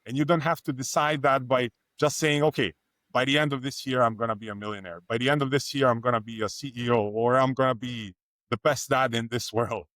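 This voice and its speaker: A man's voice: mid-range voice, fairly even intonation, fairly quick, a bit bright, no room sound. A middle-aged man from Serbia, speaking as a panelist in an earnest, storytelling way with emphatic repetition. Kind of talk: reflective panel talk.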